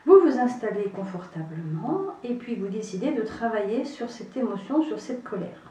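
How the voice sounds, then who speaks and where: A woman leading an EFT tapping session, speaking in calm, repetitive instructions and affirmations. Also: a little high, moderate pace, slight background noise. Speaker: EFT practitioner. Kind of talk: guided EFT tapping demonstration. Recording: echoey room, voice from far off.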